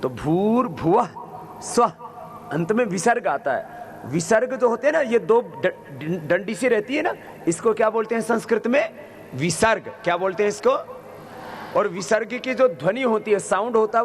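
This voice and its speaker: A man leading a youth camp as a yoga teacher, chanting slowly and correcting the crowd's pronunciation with humorous questions. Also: high-pitched, lively intonation. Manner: slow, drawn-out chanting with corrective explanations.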